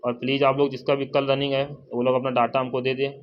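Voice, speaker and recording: A YouTuber who hosts an exam-update channel gives viewers a casual, informal update, repeating points and calling them brother. His mid-range voice is flat and fast. The lo-fi recording sounds dull, with faint noise and birds.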